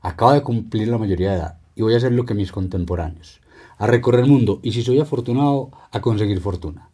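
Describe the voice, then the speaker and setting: A man voicing a humble young village man in a told folk tale, soft-spoken and deferential. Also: on the low side, fast, natural voice.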